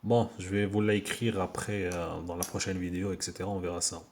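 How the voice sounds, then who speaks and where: A man's voice: deep voice, level tone, a little fast, a little mellow, slight background noise. A man giving an informal video lesson on Arabic letters, patiently repeating words for learners, recorded on a handheld phone. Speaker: Arabic teacher.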